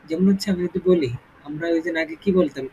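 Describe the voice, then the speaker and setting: A man teaching English pronunciation in an informal spoken lesson, explaining slowly and often checking in with the student. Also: a little high, mellow, muffled recording, a little hiss or hum.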